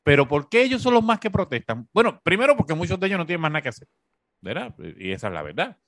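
Animated Puerto Rican man talking politics. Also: fairly high pitch, fast talker, no echo, studio quality. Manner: animated, sarcastic, many fillers. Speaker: talk show host. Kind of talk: casual political commentary.

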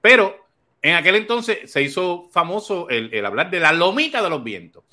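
A Puerto Rican man hosting a podcast, telling stories in animated casual political chat and laughing often. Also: high-pitched, normal speed. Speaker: podcast host.

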